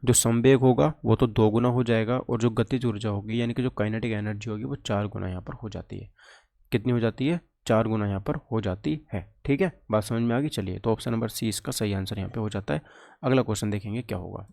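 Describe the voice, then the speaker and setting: A physics teacher prepping students for an exam speaks a little fast in a lowish, darkish voice with vocal fry. His style is conversational, built around questions he raises and then answers himself.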